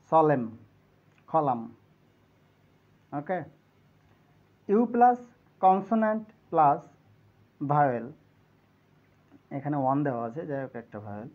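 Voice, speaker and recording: Male tutor, slightly high voice, step-by-step explainer, dull lo-fi recording. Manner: explains step by step, reads English tips slowly then glosses them. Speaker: pronunciation teacher. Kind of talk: English pronunciation lesson in Bengali. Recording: dull lo-fi sound.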